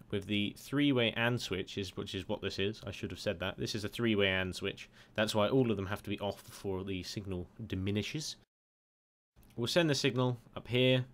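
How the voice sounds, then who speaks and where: A man's voice: fairly low pitch, a bit bright. A man casually narrating a game tutorial over a screen recording, chatty and rambling with lots of "uh"s. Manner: rambling, chatty, many filler "uh"s.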